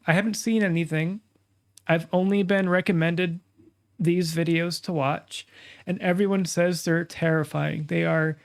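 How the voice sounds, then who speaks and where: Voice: medium pitch, gravelly. Nasal, pinched-nose streamer chatting casually. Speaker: streamer and host. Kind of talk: casual live stream reaction commentary.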